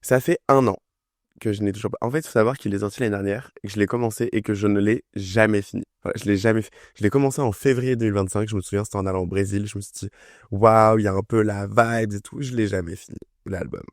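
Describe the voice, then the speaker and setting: A young man talks about music in a casual, excited way, piling up fillers and repeating himself. His voice sits low, and the recording is dry and close with no room sound. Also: fast, no room sound. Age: young adult. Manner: enthusiastic, chatty, full of fillers. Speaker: music review vlogger. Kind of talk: casual chat.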